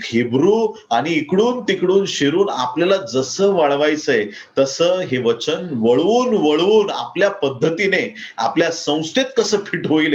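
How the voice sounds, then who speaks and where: A man preaching a sermon with a Marathi accent, rising in pitch to declaim his points. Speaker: pastor. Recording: slightly dull lo-fi recording.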